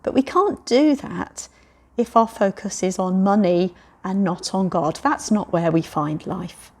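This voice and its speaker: Woman preacher doing an all-age talk, lively storytelling, gets everyone to join in. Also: medium pitch, measured pace.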